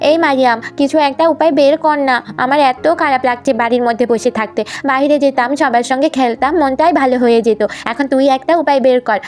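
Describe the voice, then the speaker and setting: A woman's voice: sits high, natural voice. A woman voicing mischievous little twin schoolgirls who plead and whine in a puppet story. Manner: pleading, whiny, stammering.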